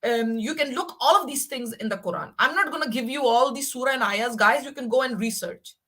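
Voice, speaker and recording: A woman's voice: fairly high pitch, brisk, pushed and bright. A woman in her forties talking passionately on a livestream, emphatic and repeating herself for weight. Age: 40s. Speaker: livestream guest. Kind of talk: casual livestream chat.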